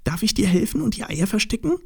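A man's voice: medium pitch, very animated, normal speed, vocal fry, warm tone, no echo, studio quality, pitched above the performer's own voice. A man voicing a small, shy, colorful piglet in a storybook, with a timid, childlike and wistful manner. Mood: excited. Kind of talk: storybook voice acting.

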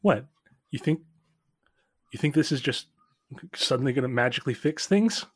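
A man's voice: medium pitch, animated, normal speed, breathy edge, no room sound, clean studio sound. A man voicing a lonely, bitter male dwarf who talks in curt, self-pitying outbursts. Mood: bitter, sulking.

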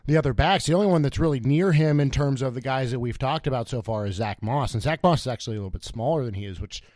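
Guy co-hosting a football podcast, rambles and restarts a lot, mid pitch, dry sound. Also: fast, a little mellow, dry recording. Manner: loose, rambling, many restarts. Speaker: podcast co-host. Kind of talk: casual sports podcast chat.

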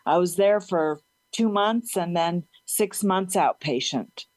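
A woman's voice: lowish voice, slow pace, a little mellow, no room sound, low-quality recording. A woman speaking as an interview guest in a casual conversational way, open and chatty, with a slight slur and a tendency to laugh. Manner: slight slur in her speech. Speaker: interview guest, support group leader.

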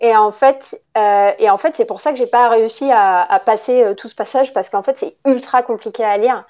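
Slightly high, mellow-voiced woman chatting. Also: moderate pace, highs cut off. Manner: hesitant, many fillers, explanatory. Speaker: podcast co-host. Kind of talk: casual chat about books.

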